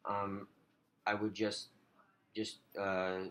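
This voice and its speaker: A man with a fairly low voice answers as the client in a role-played phone counselling call. His speech is halting and hesitant, broken up by frequent filler words. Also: monotone, fairly bright tone. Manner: halting, hesitant, heavy use of filler 'like'.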